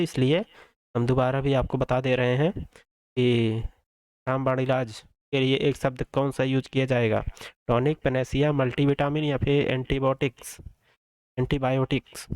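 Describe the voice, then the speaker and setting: A man with an Indian accent runs a quiz-style vocabulary lesson, slowing down on each English prompt before explaining it in Hindi and putting rhetorical questions to his learners. His voice is smooth and resonant, recorded close and dry with no room sound. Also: mid-range voice, darkish tone, no echo. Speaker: English exam tutor.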